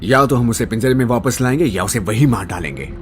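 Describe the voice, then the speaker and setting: A man's voice: medium pitch, expressive, quick pace, slight background noise, lightly acted. A man voicing a tough male security chief in a cartoon dub who gives orders, with music behind him. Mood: steady command. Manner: commanding, barking orders.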